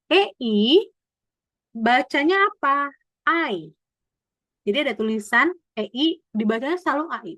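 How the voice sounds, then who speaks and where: Woman language teacher, slightly high voice, dry close mic, patient and repetitive. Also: animated, fairly bright tone, no room sound. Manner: explains patiently, repeats "gitu ya", models sounds slowly. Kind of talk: online class explaining pronunciation.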